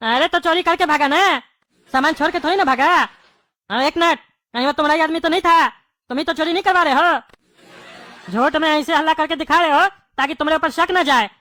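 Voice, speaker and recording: A woman's voice: high voice, moderate pace, sharp tone, no echo, clean studio sound. A woman, playing a quarrelsome neighbour in a scripted comedy sketch. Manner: scolding, quarrelsome. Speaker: comic character, bald neighbour.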